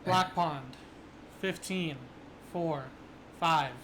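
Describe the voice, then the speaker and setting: A game master voicing a robotic numbers-station broadcast on a radio, reading code words and numbers in a flat monotone. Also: medium pitch, extremely slow, a crowd in the background.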